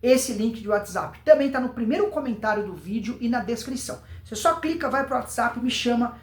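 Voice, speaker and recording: Speaking a little fast and expressively at an extremely high pitch, a Brazilian man delivers a casual public speaking lesson straight to camera. He is emphatic, repeats words, and answers his own questions, all captured in a roomy recording with an echo.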